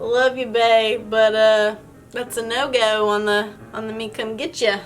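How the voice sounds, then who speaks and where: A woman's voice: a little high, flat delivery, a little slow, natural voice. A woman quoting her laid-back fiancé. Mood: amused. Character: easygoing young male fiancé, gently refusing.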